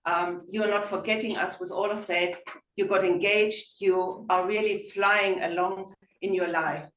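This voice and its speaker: A woman chairing a speaking club meeting, chatty and quick to laugh. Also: medium pitch, steady tone, a bit bright, muffled recording. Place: meeting room. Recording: echoey room from far off, faint noise.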